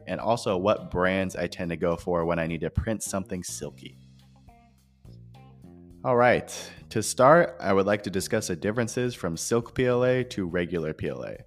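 A man hosting an informal scripted podcast, explaining things directly to listeners, his voice echoing in a bare, unfurnished office. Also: fairly low pitch. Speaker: podcast host. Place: new empty office without furniture. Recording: echoey empty office, music behind.

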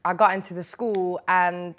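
Brummie woman artist chatting in an interview, lowish voice, informal and slangy. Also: fairly even intonation, normal speed, a bit bright. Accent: Birmingham. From Birmingham, England. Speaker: music artist being interviewed. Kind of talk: casual chat and personal storytelling.

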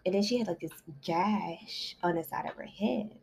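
Rambling low-voiced woman recapping a book. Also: moderate pace, creaky, darkish tone, a little hiss or hum. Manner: rambling, filler-heavy with constant "like" and "you know". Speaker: book summary vlogger. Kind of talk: casual story recap.

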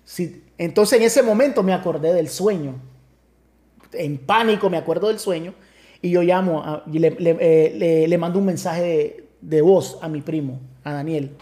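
A pastor, telling an emotional personal testimony with many restarts and acted-out quotes. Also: male voice, a little high, normal speed, warm tone. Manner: storytelling with many restarts, acts out quoted voices. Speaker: pastor, podcast guest.

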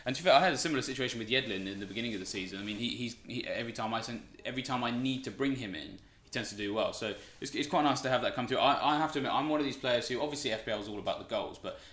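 A man's voice: medium pitch, rapid-fire, few pauses, a bit bright, reverberant. A man co-hosting a podcast, chatting casually and rambling, with lots of fillers and restarts. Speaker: podcast co-host. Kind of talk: casual podcast chat about fantasy football.

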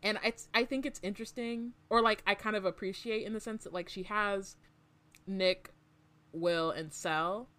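A woman's voice: medium pitch, normal speed, a bit bright. A woman co-hosting a book podcast, chatting casually and summarizing chapters with frequent fillers. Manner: chatty, lots of "like" and "um", laughs often. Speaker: podcast co-host.

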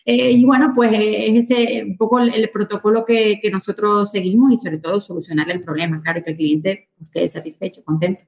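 A middle-aged woman, chatting as an interview guest about handling clients, lively and full of fillers. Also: medium pitch, brisk, gravelly, hardly any pauses, low-quality recording. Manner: lively, warm storytelling with many fillers. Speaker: guest, real estate agent. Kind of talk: casual interview chat.

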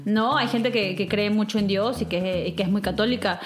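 A woman's voice: mid-range voice, normal speed, faint music behind. A woman from Peru hosting an interview, chatting and agreeing readily with her guest. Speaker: podcast host. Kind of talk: casual interview chat.

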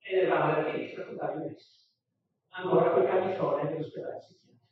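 Man lecturing, lively storytelling, high voice, distant mic, dull sound. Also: quick pace. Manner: animated storyteller, colloquial asides. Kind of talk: live lecture retelling a novel. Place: large festival hall. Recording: roomy hall sound from far off, dull.

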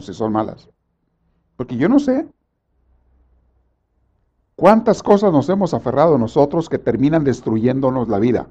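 A man preaching a sermon, swinging from soft asides to loud, pleading prayers he acts out. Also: mid-range voice, lo-fi sound.

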